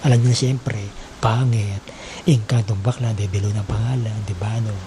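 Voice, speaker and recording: A man's voice: fairly low pitch, steady tone, normal speed, noisy background. A man telling a teasing, exaggerated gossip story in a casual, mocking way.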